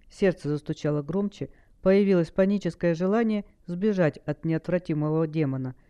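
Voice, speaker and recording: A man narrating a fantasy audiobook in a measured, expressive reading, on a dull lo-fi recording. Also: on the high side, clean tone. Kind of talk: scripted narration.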